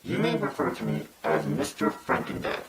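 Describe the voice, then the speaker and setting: Man with a pitch-shifted disguised deep voice. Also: wildly swooping pitch, moderate pace, noisy background. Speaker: co-host of a reaction video. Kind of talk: casual comedic banter.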